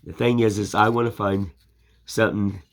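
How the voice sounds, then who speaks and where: An older American man who hosts a woodcarving channel rambles through a casual chat while showing off his carving. He talks in a folksy, plainspoken way, his voice on the low side with a steady tone at normal speed.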